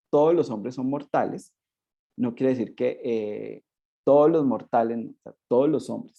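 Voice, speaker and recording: Casting: Colombian male lecturer, dark gravelly voice, keeps asking the class "¿sí?". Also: medium pitch. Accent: Colombian Spanish. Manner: checks in with frequent "¿sí?" tags; acts out hypothetical questions while explaining. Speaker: university math lecturer. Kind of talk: recorded online class lecture.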